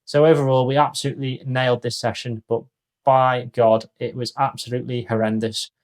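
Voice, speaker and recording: A man with a medium-pitched voice talks casually to his viewers. He recaps in a colloquial, emphatic way, leaning on exaggeration. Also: level tone, brisk. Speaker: vlogger.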